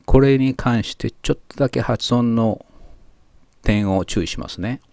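A man teaching English grammar, reading model sentences slowly and carefully with pauses. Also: mid-range voice, creaky, darkish tone, no echo. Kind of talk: explaining grammar to learners.

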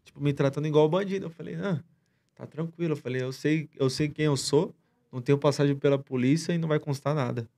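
A man appears as a podcast guest, retelling a story in a casual, rambling, slangy way with lots of restarts. He talks fast, his voice a little high with vocal fry and a dark tone.

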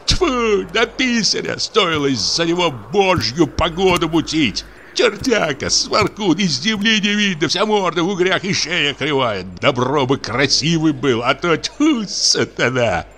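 A man's voice: fairly high pitch, bright, forceful tone, a little hiss or hum, pitched above the performer's own voice. A man voicing a frightened, superstitious village deacon who grumbles and rants tearfully. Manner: grumbling, accusing, tearful muttering.

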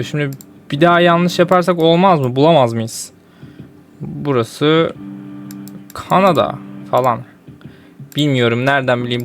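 A young man giving casual commentary while playing a geography game, often exasperated and breaking into outbursts. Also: mid-range voice. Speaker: gaming streamer.

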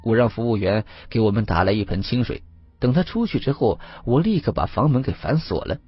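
A man narrating a serialized audio story with steady, measured emphasis. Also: medium pitch, slightly rough. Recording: slightly muffled with faint music.

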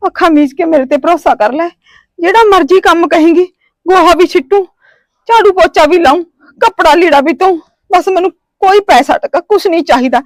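A woman's voice: extremely high pitch, fairly quick, no echo. A woman playing a distraught village wife thrown out by her in-laws, crying as she begs for shelter. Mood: earnest pleading. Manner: pleading, tearful. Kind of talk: amateur short-film acting.

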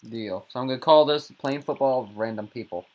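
A man giving casual, jokey gameplay commentary as a YouTuber, with sudden squeaky outbursts. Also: brisk, a little mellow. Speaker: gaming YouTuber.

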